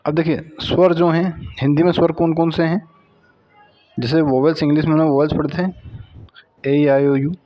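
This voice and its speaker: A man teaching children Hindi vowel signs in a patient way, repeating each word and syllable slowly. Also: fairly high pitch, level tone, dull audio. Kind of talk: slow children's Hindi spelling lesson.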